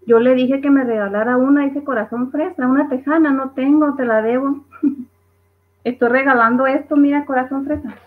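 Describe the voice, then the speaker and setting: A woman hosts a laid-back livestream in a high voice with a steady tone and normal speed. She reads audience comments aloud and laughs along with them, and the audio has a tinny, phone-like quality.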